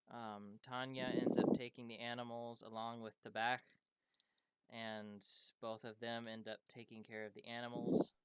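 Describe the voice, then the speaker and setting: A man's voice: mid-range voice, slight background noise. A man narrating a tabletop game as game master, casual, with frequent ums and restarts.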